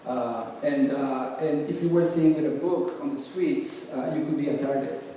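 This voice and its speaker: A man's voice: mid-range voice, warm tone, far from the mic, a little hiss or hum. Thoughtful man in an echoey hall. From Guatemala. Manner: measured, thoughtful, with frequent hesitations. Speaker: featured speaker at a congregation. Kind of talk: answering an audience question.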